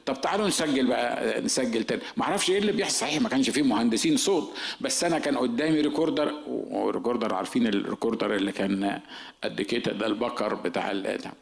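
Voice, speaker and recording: Egyptian pastor, 50s, rapid sermon, jokey stories about himself, middle pitch. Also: male voice. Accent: Egyptian Arabic. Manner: humorous storytelling with self-mockery.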